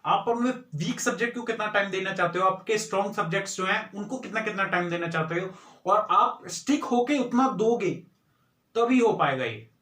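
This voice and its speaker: A man's voice: sits high, lively intonation, fairly quick, a bit bright, reverberant, far from the mic. A young man giving earnest, repetitive study advice to students in a motivational talk. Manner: earnest, repeats points for emphasis.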